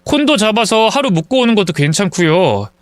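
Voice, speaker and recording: An apologetic son nearing forty, voiced by a man narrating a story, speaking lower than the narration and pleading softly. Smooth, clean tone in a dry, close recording. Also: big pitch swings, a little fast, no echo. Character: timid son, nearly forty, afraid of water.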